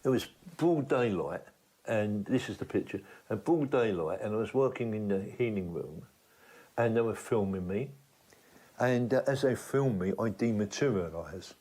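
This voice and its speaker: A man's voice: on the low side, expressive, normal speed, warm tone. A man speaking as a spiritual healer, explaining things to a camera in unscripted talk.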